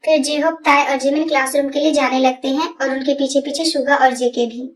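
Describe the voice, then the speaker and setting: A woman narrating a storybook fan-fiction tale in a plain, even way. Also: high-pitched, fairly quick, heavy background noise. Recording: distant voice over loud music.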